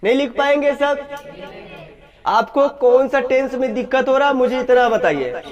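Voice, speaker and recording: A man's voice: extremely high pitch, normal speed, muffled recording. A man teaching English grammar in a classroom, drilling phrases aloud and checking whether the students follow. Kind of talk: classroom lesson.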